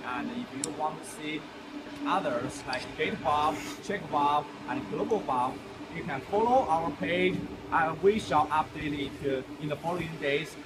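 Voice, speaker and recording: Heavy background noise surrounds a young man whose voice sits on the high side as he leads a walking tour of a large indoor factory warehouse. English isn't his language, so he speaks unhurriedly but hesitantly, with frequent "uh"s and restarts.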